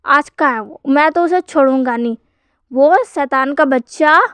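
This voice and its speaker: A woman voicing an angry young husband who shouts and scolds in a read-aloud story. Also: sits high, moderate pace, dry recording. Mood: furious. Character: furious young husband hunting his son.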